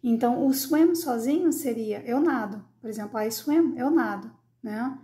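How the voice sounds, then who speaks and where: A woman's voice: a little high, normal speed, mellow. A Brazilian woman teaching English grammar, patiently repeating her examples and checking in with her listeners as she goes. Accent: Brazilian Portuguese. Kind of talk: explaining grammar to learners.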